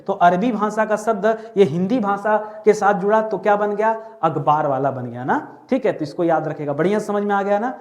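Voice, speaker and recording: High-voiced man teaching Hindi grammar. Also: normal speed, few pauses. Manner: lively, drills words by repetition, jokes with students. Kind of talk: online class lecture.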